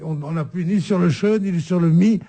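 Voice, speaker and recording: A man's voice: sits high, moderate pace, creaky, dark tone. A man on a radio panel who explains things in a teasing, mock-lecturing way. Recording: radio broadcast.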